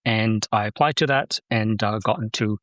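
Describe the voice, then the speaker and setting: A man's voice: fairly low pitch, moderate pace, a bit bright, no echo. A man from Malaysia, a podcast guest, talking casually in a reflective way, often restarting his sentences. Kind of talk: casual interview talk.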